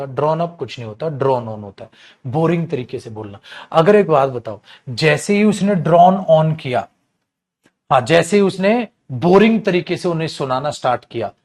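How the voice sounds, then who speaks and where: Animated male English teacher. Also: on the high side. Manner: animated, addresses students as "beta", reads sentences slowly and stretches words. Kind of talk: online exam-prep lesson.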